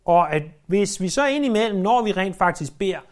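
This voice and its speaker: A man preaching a sermon, stressing points loudly and then dropping to hushed, low phrases. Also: expressive. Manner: emphatic, swings between loud stresses and hushed low phrases.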